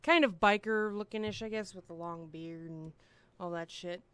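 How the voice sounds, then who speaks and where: A woman's voice: on the low side, normal speed, fairly bright tone, smooth, no echo. A woman hosting a stream, casually telling a story to friends and swearing freely. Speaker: streamer host.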